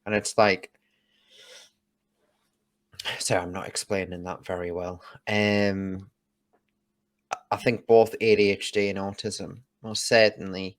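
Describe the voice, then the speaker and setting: A man's voice: deep voice, flat delivery, slow pace, long pauses. A man from the UK, a guest in a casual conversation, explaining his views and thinking aloud with restarts. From United Kingdom.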